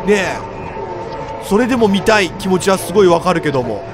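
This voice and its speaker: A man's voice: high-pitched, expressive, a little fast. A man giving live horror reaction commentary, jumpy and frightened, often repeating his words. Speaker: gaming video host. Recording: music under the voice.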